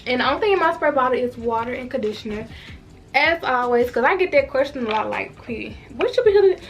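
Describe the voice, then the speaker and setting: A woman's voice: high-pitched, expressive, fast, fairly bright tone, soft background music. A woman in her twenties with a congested, stuffy voice, chatting straight to viewers in a casual hair review vlog at home. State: congested from a cold. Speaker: hair vlogger. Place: at home, washing machine running nearby.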